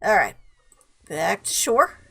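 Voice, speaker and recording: A woman's voice: medium pitch, very animated, takes it slowly, gravelly, pushed and bright, husky. A woman hosting a video game playthrough with casual, chatty commentary, playfully talking back to the game. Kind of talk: casual let's play commentary. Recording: game music behind the voice. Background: video game music.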